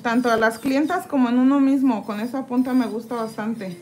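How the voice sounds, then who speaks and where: Chatty woman with a slightly high voice. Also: fairly even intonation, brisk, a little mellow, a little hiss or hum. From Mexico. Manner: chatty, reads viewer comments aloud and greets them while working. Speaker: nail tech streamer. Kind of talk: casual live-stream chat. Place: indoors at a nail desk.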